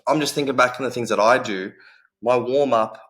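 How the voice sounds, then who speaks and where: A man who coaches martial arts, co-hosting a podcast and chatting in a relaxed way, full of "like" and "yeah". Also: mid-range voice, brisk. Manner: relaxed, chatty, lots of "like" fillers. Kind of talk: casual podcast chat.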